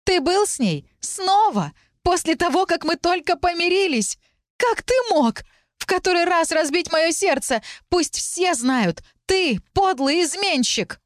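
A woman reading the lines of a calm, cold young woman student in an audiobook, in a composed and slightly mocking way. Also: medium pitch, normal speed, no room sound, clean studio sound, close to an everyday voice. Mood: hysterical shouting. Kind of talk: audiobook dialogue.

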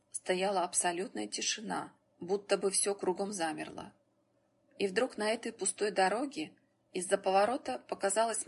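A woman reading an action story aloud as narrator, in steady scripted narration. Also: mid-range voice, creaky, a little hiss or hum.

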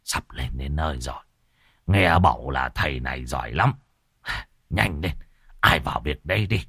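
A man's voice: very deep voice, expressive, moderate pace, creaky, pushed and bright, husky, dry recording, clean studio sound, voice pushed down, heavily acted. A man doing a bossy old village elder. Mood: commanding. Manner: bossy, clipped orders.

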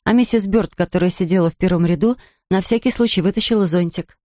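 A woman narrating a children's audiobook in a clear, even storytelling manner. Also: lowish voice, fast talker, no room sound, studio quality. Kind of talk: audiobook reading.

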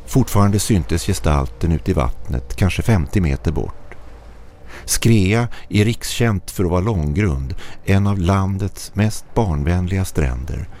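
A man's voice: low-pitched, animated, a little mellow, a little hiss or hum. A man narrating a first-person horror story in short, tense, clipped phrases.

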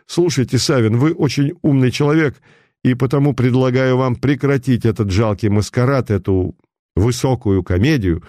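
A man voicing an unflappable police detective, calm and sarcastic, speaking in a measured way, in a dry recording. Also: mid-range voice, no room sound, close to an everyday voice.

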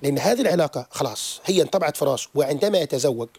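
A man, a therapist guest on a radio show who lectures quickly and keeps restarting his sentences. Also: fairly high pitch, husky, dry recording. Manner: animated, rapid lecturing with frequent restarts. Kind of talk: radio interview explanation. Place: radio studio.

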